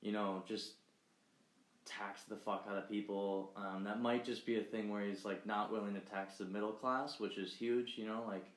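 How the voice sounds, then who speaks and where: A young man co-hosts a podcast, discussing politics bluntly and heatedly while swearing freely in a casual chat. His lowish voice has fairly even intonation and a moderate pace, and the room is echoey.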